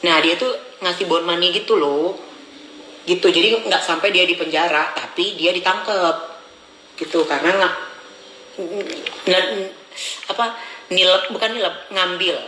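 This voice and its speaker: A man's voice: sits high, a little slow, long pauses, bright, forceful tone, reverberant, slight background noise, low-quality recording. A man ranting casually to his followers, chatty, repetitive and indignant, recorded on a phone held at arm's length. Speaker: social media vlogger. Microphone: phone camera at arm's length.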